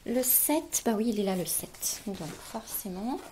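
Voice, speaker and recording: A woman's voice: a little high, lively intonation, dark tone, slight background noise. A woman chatting casually as she unboxes beauty gifts, gushing with exclamations. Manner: gushing, exclamatory, slow and drawn out. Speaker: beauty vlogger.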